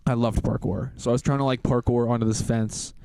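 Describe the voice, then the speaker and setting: Young man telling stories in lively chat. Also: medium pitch, a little fast, creaky, clear, resonant tone, no echo. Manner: animated storyteller, laughs often. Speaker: podcast co-host. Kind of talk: casual chat.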